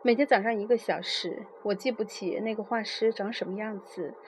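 A woman narrating a literary novel in a soft, measured, unhurried reading voice. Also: medium pitch, a little hiss or hum.

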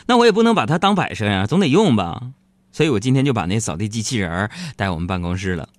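A man hosting a radio show, joking through a playful, self-mocking monologue that sometimes stammers when he gets excited. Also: fairly low pitch, quick pace, dry recording. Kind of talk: comic monologue.

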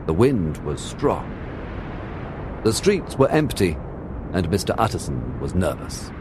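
A man narrating a classic story as a learner audiobook, in clear, measured storytelling. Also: deep voice, noisy background.

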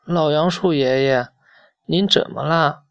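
A scornful little chick from a children's storybook, played by a man reading aloud. The voice sits a little high and sounds dry and close. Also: a little slow, no room sound, dull audio. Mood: earnest. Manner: scornful, disgusted. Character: snooty young chick, frowning and scornful.

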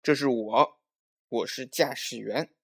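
A man voicing an eager, stubborn little boy who brags in a childish, excited voice. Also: medium pitch, slow pace, creaky.

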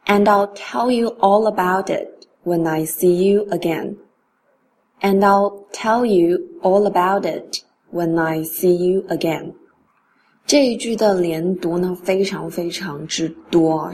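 A woman teaching English pronunciation in a relaxed spoken lesson. She reads English phrases slowly and then explains them in Mandarin. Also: lowish voice, slight background noise.

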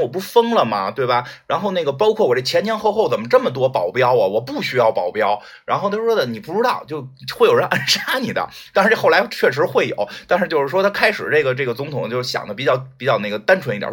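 A man's voice: a little high, fairly bright tone, slightly rough. A man hosting a livestream, chatting casually and retelling a story, acting out the characters' lines with lots of fillers. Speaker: livestream host.

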